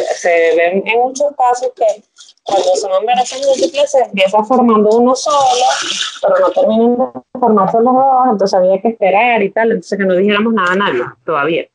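A young woman with a Venezuelan accent, a podcast guest, telling her story in a casual, animated way and acting out the voices of the people in it. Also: mid-range voice, slight background noise, poor audio. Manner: animated, acts out quoted voices.

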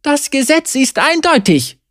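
A woman's voice: high voice, sing-song, unhurried, dry recording, studio quality, voice pushed up. A woman voicing a timid, anxious young prefect. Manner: hesitant, plaintive. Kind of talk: audiobook character voice.

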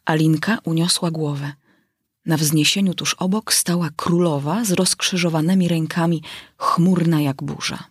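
A woman narrates a classic children's tale in a measured, expressive reading. Her voice is fairly low and husky. The recording is dry and close. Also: no room sound. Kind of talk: audiobook narration.

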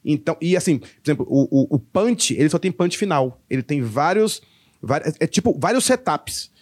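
Homem contando histórias com muito palavrão. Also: male voice, a little high, fairly quick. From Brazil. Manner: profane, animated storytelling with acted quotes. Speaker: stand-up comedian guest. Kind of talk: casual podcast chat.

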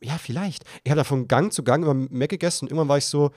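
Racing through a long story on his podcast, a young man casually acts out his own panicked voice in a high pitch, animated throughout. The recording is dry, with clean studio sound.

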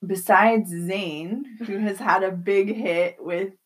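A young woman co-hosting a casual chat, steering the talk with questions and quick reactions. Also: mid-range voice, steady tone, background noise. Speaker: co-host.

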